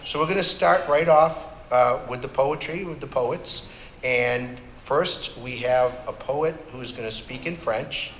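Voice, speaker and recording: A man hosting a live event, introducing speakers with relaxed, chatty asides. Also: medium pitch, slow pace, slight background noise. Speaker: event host. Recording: echoey hall with long reverb.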